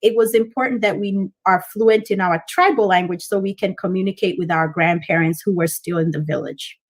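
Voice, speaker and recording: Speaking a little fast with fairly even intonation, this mid-range-voiced woman is a Kikuyu speaker from Kenya. She's a guest in a casual interview, giving long explanations peppered with ums.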